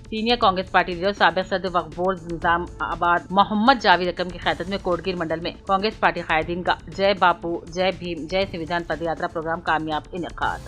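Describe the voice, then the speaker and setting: Over background music, a female newsreader formally delivers a scripted bulletin item by item. Her voice sits on the low side and is a bit bright, with fairly even intonation, a slightly fast pace and few pauses.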